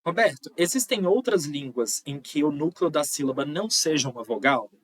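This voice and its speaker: A man's voice: fairly high pitch, lively intonation, normal speed, no echo. A man giving an online phonology lesson, explaining patiently and often checking in with "tá?". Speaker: linguistics teacher.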